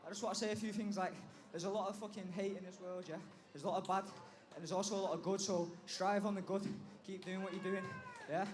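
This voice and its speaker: Young man, Manchester accent, high pitch, brash, sweary, unscripted post-fight interview. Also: steady tone, fast talker, hardly any pauses. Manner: brash, blunt, sweary, cocky. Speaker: amateur MMA fighter being interviewed.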